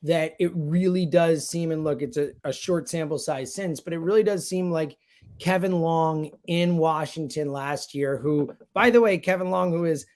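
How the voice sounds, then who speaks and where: Here a man with a somewhat high, darkish voice talks at a moderate pace. He's a sports radio host guesting as an analyst, breaking down the game conversationally, stressing his points and repeating himself to make them stick.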